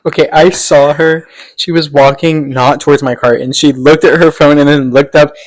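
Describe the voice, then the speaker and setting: A man's voice: fairly high pitch, level tone, normal speed, dry recording, rough recording. A young adult man co-hosting a podcast, teasing his co-host and cutting in to correct her story. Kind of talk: casual chat.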